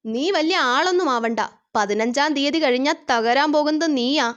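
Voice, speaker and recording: A woman's voice: high-pitched, normal speed, a bit bright, highs cut off. A woman reading the lines of a scheming husband who defends himself and makes threats. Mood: defensive.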